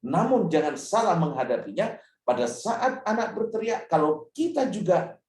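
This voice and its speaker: A male Islamic preacher giving a parenting lecture, animated and speaking directly to the parents in his audience. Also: high voice, normal speed. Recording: roomy hall, mic at a distance.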